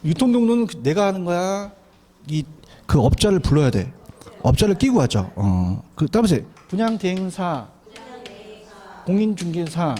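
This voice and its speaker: A man giving an exam prep lecture, animated, often asking students to repeat after him. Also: high voice, moderate pace. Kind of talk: classroom lecture.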